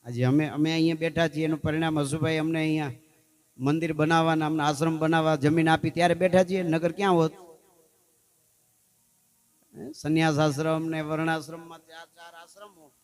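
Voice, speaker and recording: Guy doing folk storytelling, slightly high voice, keeps going "hey?" at the crowd. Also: flat delivery, a little fast, long pauses. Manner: keeps asking the audience "hey?" between lines. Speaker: folk storyteller at a temple festival. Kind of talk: folk storytelling with sung verses. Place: festival gathering with an audience.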